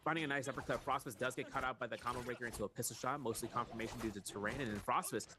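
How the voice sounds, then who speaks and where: Brief: male esports play-by-play caster, quick delivery, constant background noise. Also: medium pitch, steady tone. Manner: rapid, rattling off player moves. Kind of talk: play-by-play commentary.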